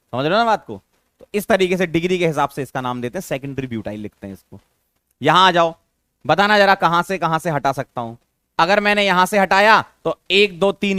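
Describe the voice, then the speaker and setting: High-voiced man teaching chemistry. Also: sharp tone, clean tone, no room sound, clean studio sound. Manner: coaxing, asks students questions and repeats key terms. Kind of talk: classroom lecture.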